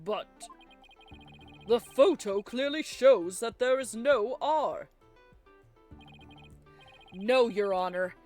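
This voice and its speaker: A woman's voice: on the high side, expressive, slow, pauses often, darkish tone, soft background music. A woman reading out a confident young male defense attorney's game lines with emphatic, dramatic declarations. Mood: triumphant. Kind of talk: reading game dialogue aloud.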